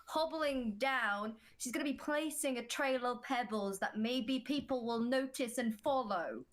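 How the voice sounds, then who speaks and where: A woman's voice: fairly high pitch, unhurried. A woman playing a tabletop game, casually describing what her character does.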